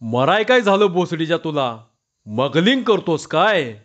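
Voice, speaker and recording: A man voicing a rough, hot-headed young village man who talks in gruff, coarse rustic speech, on a dull lo-fi recording. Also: on the high side, very animated, measured pace, fairly bright tone. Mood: angry.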